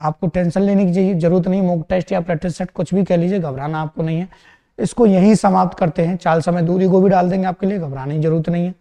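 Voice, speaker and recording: A man with a high voice talks through math problems quickly and reassures his students, often checking that they are following. The sound has a long reverb tail, as if recorded in a big, bare room. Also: steady tone, warm tone. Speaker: math teacher. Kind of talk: exam-prep math lesson.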